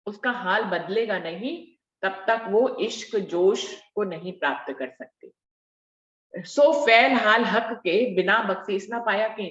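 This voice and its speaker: A woman leading a devotional scripture discussion, explaining verses slowly and repeating key phrases for emphasis. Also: on the low side, reverberant, lo-fi sound. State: slightly unwell. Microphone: video call.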